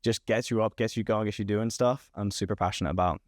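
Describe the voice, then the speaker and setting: Upbeat young man, deep-ish voice. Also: steady tone, quick pace, no room sound, clean studio sound. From England. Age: 20s. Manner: upbeat, laughs often, easygoing. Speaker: guest. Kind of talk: casual podcast chat.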